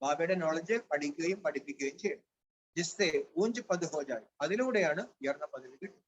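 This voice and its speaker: A man's voice: fairly high pitch, animated, fairly quick. A man giving a devotional spiritual discourse. He reads a line, then explains it in plain words. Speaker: Brahma Kumaris spiritual teacher. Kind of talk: devotional discourse reading Hindi lines and explaining in Malayalam. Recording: dull, lo-fi with faint hiss.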